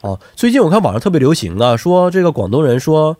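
A man's voice: a little high, big pitch swings, quick pace, mellow, no echo, clean studio sound. A man hosting a quiz show in a chatty, teasing way, talkative and often adding tag questions.

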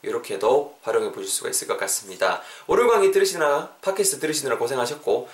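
A man hosting a casual English lesson podcast, animated and mixing English phrases into his explanations. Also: fairly low pitch. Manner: animated, spells words out, mixes English phrases. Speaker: English teacher podcast host. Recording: roomy echo.

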